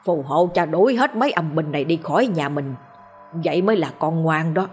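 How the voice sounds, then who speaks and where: A woman's voice: low-pitched, animated, a little fast, a little mellow, faint music behind. A woman voicing a bitter, bullying old landowner who scolds harshly. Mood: cowering plea.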